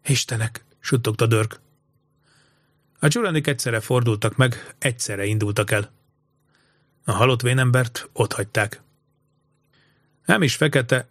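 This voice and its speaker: A man narrating an audiobook story in an even, measured way. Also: on the low side, no room sound.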